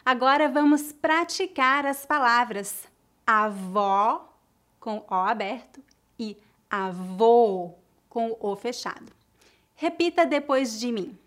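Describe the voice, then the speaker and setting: A woman's voice: sits high, a bit bright. A woman from Brazil with a Brazilian Portuguese accent, teaching a language lesson and spelling out each word with care. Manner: carefully enunciated, repeats example words for drilling. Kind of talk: slow, clear language lesson.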